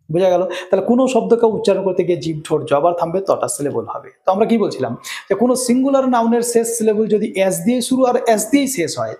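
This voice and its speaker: A man's voice: high-pitched, dark tone, roomy sound. A man teaching English grammar rules in a lesson, often checking in with his students. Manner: asks students rhetorical check-in questions.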